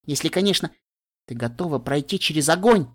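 A man reading a fan audiobook, voicing a cheerful female pony with a high, sing-song delivery. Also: animated, fairly quick, fairly bright tone. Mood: cheery. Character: cheerful female pony, bubbly party girl.

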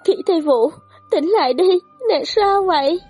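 A woman voicing a tender, devoted young noblewoman who speaks softly and gently, in a storybook reading. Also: sits high, normal speed, soft background music, pitched above the performer's own voice, close to an everyday voice. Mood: desperate. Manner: soft and gentle, turning to pleading cries.

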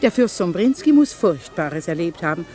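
A woman's voice: fairly low pitch, big pitch swings, moderate pace, dark tone, soft background music. A gushing, flirty society lady. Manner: coquettish and chattering, with theatrical sighs.

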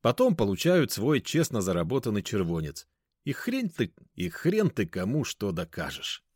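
Low-voiced guy reading a story, bouncy intonation, dry close sound. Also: wildly swooping pitch, moderate pace, a little mellow, husky, no room sound. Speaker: narrator. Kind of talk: first-person audiobook narration.

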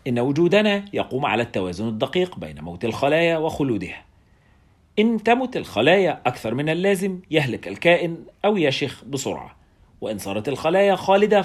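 A man with a husky voice narrating a first-person novel in an animated, dramatic way. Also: mid-range voice. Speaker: audiobook narrator.

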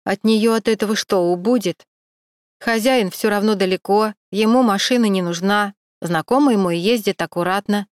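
A woman's voice: mid-range voice, moderate pace, dry recording, studio quality, lightly acted. A woman voicing a nervous male security guard who mumbles, pleads and dodges.

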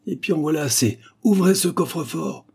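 A man voicing a menacing masked male avenger, hoarse, hissing and imperious as he makes his threats. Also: lowish voice, moderate pace, dark tone. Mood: scornful.

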